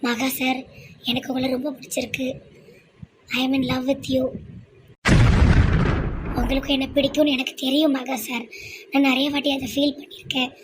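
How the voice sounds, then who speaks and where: A woman with a Tirunelveli Tamil accent voicing a shy, lovestruck young woman doctor in a cartoon, soft and pleading. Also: sits high, slight background noise, lightly acted. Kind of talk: cartoon voice acting.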